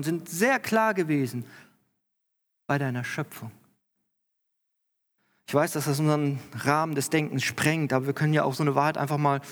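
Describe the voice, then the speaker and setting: A pastor preaching to his congregation, explaining scripture in an earnest way and lifting his voice with emphasis when he quotes the text. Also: a little high. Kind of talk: sermon. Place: church hall. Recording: long church-hall reverb.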